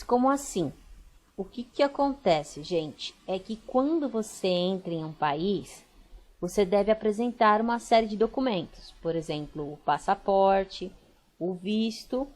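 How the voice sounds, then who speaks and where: A woman's voice: mid-range voice, darkish tone. A young Brazilian woman teaching an online school lesson, chatty and explaining step by step with frequent fillers.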